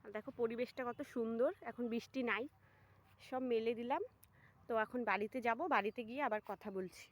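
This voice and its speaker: A woman's voice: fairly high pitch, fairly even intonation, a little fast. A young woman chatting casually to viewers about her household chores in a vlog. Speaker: vlogger. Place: rural home and riverside.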